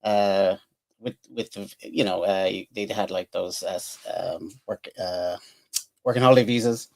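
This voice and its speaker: A man from Ireland in his forties, a guest engineer on a podcast, recounts his career casually with lots of fillers and restarts. His gravelly, darkish voice sits low, with fairly even intonation and a measured pace.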